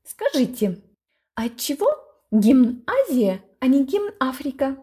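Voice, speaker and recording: Woman voicing a schoolboy, cheeky, stubborn, high wheedling voice, husky edge, storybook reading. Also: sing-song, measured pace, dark tone, full character voice. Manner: high, wheedling nonsense questions.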